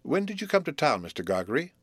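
A man reading aloud and voicing a courteous, friendly young gentleman who is serving breakfast. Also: on the high side, sing-song, quick pace, slightly rough, no echo, pitched above the performer's own voice. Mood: polite.

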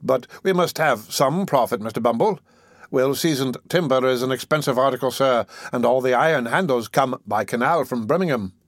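A man's voice: mid-range voice, moderate pace, dry recording, studio quality, natural voice. A man voicing a fawning, ingratiating undertaker in an audiobook reading. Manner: obsequious, eager to please. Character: fawning, ingratiating middle-aged male undertaker.

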